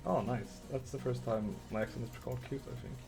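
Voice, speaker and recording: Young Swedish-accented man, gravelly voice, casual coding stream, faint music and typing behind. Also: medium pitch, fairly even intonation, fairly quick. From Sweden. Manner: muttering while coding, swearing, chatting with viewers. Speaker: game developer streamer.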